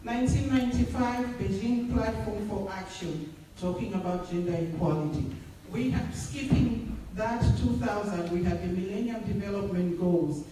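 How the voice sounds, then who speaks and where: A woman from Zambia gives a measured, hesitant talk as a panel speaker at a women's forum, recorded from the audience in a large hotel function room. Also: mid-range voice, mellow, a little hiss or hum. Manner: measured, hesitant with many fillers. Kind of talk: public speech at an event. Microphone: far phone camera in the audience. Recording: echoey hall heard from far off.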